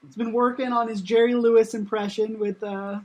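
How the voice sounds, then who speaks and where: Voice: mid-range voice, flat delivery, a little fast, darkish tone. A podcast co-host chatting casually about an episode and adding wry, jokey asides. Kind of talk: casual chat recapping TV episodes.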